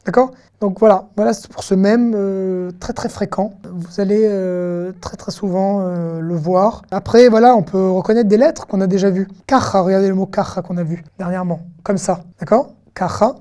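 Woman teacher doing an online lesson, mellow dark voice, patient, says stuff twice, keeps checking you follow. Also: mid-range voice. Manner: patient, repeats words slowly, checks in often. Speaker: Hebrew teacher.

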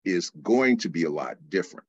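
A deep, low-pitched older man answers interview questions like a teacher, measured and full of small fillers. His voice is dry and close, heard through a dull, lo-fi line. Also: lively intonation, dry recording. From California. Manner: measured, explanatory, many fillers. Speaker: guest teacher.

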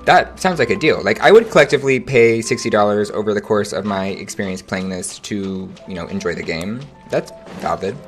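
Animated, slangy young man streaming. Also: fairly low pitch, brisk, few pauses, faint music behind. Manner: animated and slangy, chatting to viewers. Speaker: game streamer. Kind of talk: casual livestream chat.

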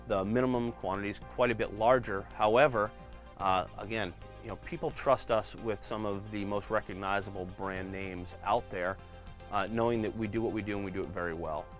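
A man with a fairly low voice walks visitors through a print shop's department, chatting casually as he shows off shirts. He pauses often with fillers, and faint music plays underneath. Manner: relaxed, frequent "uh" fillers, explains while flipping through shirts. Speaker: print shop department guide. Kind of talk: casual walkthrough showing products.

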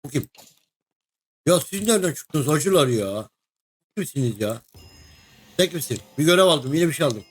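Excitable gamer guy. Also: fairly high pitch, normal speed, long pauses, slightly rough. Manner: excitable, chatty, talks to game creatures and a co-player. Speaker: gaming video host. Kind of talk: casual let's-play commentary.

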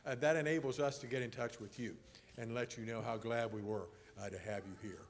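A man leading a church service, welcoming the congregation and praying in an earnest, measured, formal way. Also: mid-range voice, fairly even intonation. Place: church sanctuary. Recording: long church reverb.

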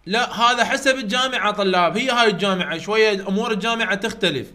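Man, Iraqi Arabic accent, tutor, high voice, live online lesson, repeats himself, talks to students. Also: quick pace, bright, forceful tone. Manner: repetitive, chatty teaching, addresses students directly. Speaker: English phonetics tutor.

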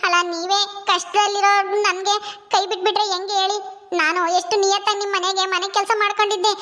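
A woman's voice: extremely high pitch, flat delivery, fast talker, bright, forceful tone. A woman voicing a poor housemaid who begs her employers with tearful pleading.

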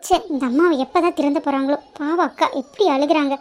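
A woman's voice: sits high, steady tone, quick pace, lightly acted. Woman doing a feisty protective younger sister. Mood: resolute. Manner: indignant, earnest, protective. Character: spirited loyal younger daughter, young woman. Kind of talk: cartoon voice acting.

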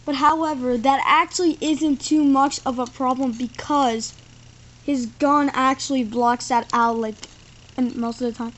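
Speaking a little slowly in a high, steady voice, a woman gives a casual toy review that rambles, full of "like" and "thing". She's filmed in a carpeted indoor room by a camera on a tripod using its built-in mic.

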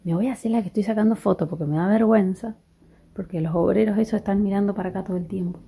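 A young woman vlogs casually from her rural house, her voice low and weak from illness, often half-whispering and cooing at dogs. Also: quick pace, vocal fry, warm tone, breathy edge. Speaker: vlogger. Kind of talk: casual vlog narration. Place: rural house, partly outdoors.

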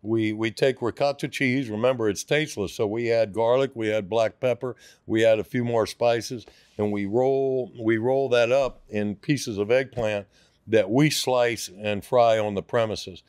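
In a podcast studio, a restaurant owner in his sixties chats casually into a studio mic on a boom arm during an interview, rambling and hesitant with many fillers and restarts. His mid-range voice is smooth and a little mellow, with a steady tone and an unhurried pace. There's no echo.

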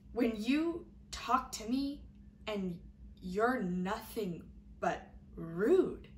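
Slow, indignant young woman acted out in echoey room. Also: a little high. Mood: exasperated. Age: young adult. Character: hurt, indignant young woman confronting someone who belittles her. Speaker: actor performing a monologue. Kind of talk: dramatic monologue. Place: small indoor room before a curtain. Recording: echoey room, faint background hiss.

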